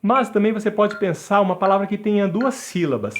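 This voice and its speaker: A man's voice: high-pitched, animated, fairly quick, slight background noise. A man teaching a music lesson, counting beats aloud and chanting syllables along with a metronome. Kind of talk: instructional video lesson.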